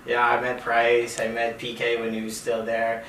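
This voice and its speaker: A man, a chef and caterer from Canada, talking casually in an interview, relaxed, with many fillers and repeated phrases. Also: mid-range voice, moderate pace. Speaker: interview guest. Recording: roomy, distant from mic, faint noise.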